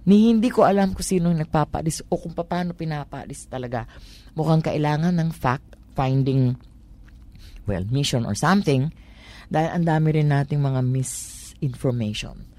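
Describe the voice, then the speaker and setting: With a deep, mellow voice and a moderate pace, a Manila-born woman with a Tagalog accent talks through explanations on a talk program. She shifts back and forth between English and Tagalog and asks questions rhetorically.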